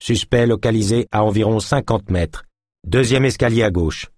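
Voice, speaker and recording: A man's voice: fairly low pitch, moderate pace, darkish tone, no room sound, studio quality, lightly acted. A man reading a clipped, clinical implant voice. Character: flat machine implant voice, clinical analysis.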